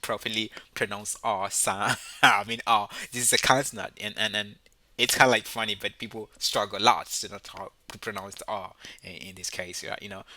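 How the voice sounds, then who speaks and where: Male vlog host, non-native English, lowish but very sharp tone, halting, repetitive, casual delivery. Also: fairly even intonation. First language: not English. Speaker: YouTube host and English learner. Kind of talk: casual unscripted recommendation.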